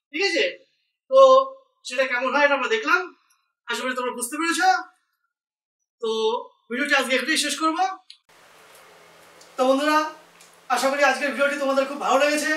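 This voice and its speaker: An Indian man with an extremely high pitch and a sharp tone teaches English words to learners, spelling them letter by letter and explaining patiently. His intonation stays fairly even, he speaks a little fast and pauses often, and the echoey room makes him sound distant.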